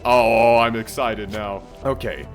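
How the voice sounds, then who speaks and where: A man commenting on his gameplay and reading the game's text aloud, excitable, jumping to loud high bursts. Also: slow pace. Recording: faint game music behind.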